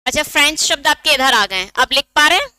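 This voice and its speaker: Woman, teacher, exam-prep lesson, asks and answers her own questions, bright voice, dry sound. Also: sits high, expressive, fast talker, no room sound. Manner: explains step by step, asks students questions and answers them herself.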